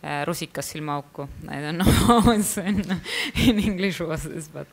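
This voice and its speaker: A woman from Estonia, giving a live conference talk in a halting way, full of fillers and restarts. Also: low-pitched. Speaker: conference presenter, artist.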